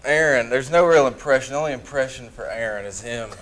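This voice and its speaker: A man's voice: mid-range voice, fast, fairly bright tone, rough recording. A young adult man chatting casually as a talk-show guest, telling family stories in a matter-of-fact way. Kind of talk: casual chat.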